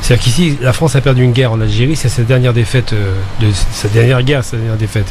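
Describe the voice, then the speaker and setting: A man's voice: mid-range voice, fairly even intonation, fast talker, background noise. A man speaking as a guest on a radio debate, arguing his points in an explanatory way. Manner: argumentative, explanatory.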